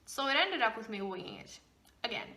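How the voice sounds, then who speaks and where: Hosting her easygoing knitting podcast, a knitting designer from Norway, a native Norwegian speaker, chats away with lots of laughs and fillers. She speaks fairly quickly in a slightly high, sing-song voice with a sharp tone.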